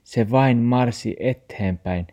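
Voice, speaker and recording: A man with a Tornedalian Meänkieli accent, narrating a children's storybook in a measured, expressive way. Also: medium pitch. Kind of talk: storybook reading.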